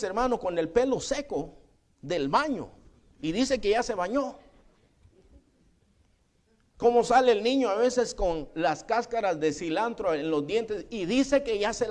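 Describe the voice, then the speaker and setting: High-voiced male preacher. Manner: preaching, addressing listeners as brothers often, drops to a mutter on asides. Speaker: pastor. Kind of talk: sermon.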